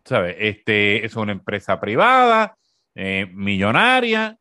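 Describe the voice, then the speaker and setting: Animated Puerto Rican man talking politics. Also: lowish voice, takes it slowly, no echo, studio quality. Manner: animated, sarcastic, many fillers. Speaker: talk show host. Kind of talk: casual political commentary.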